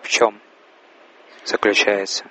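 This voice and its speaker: A man interpreting a religious lecture in a halting way, with pauses and restarts. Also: pushed and bright, a little hiss or hum, rough recording.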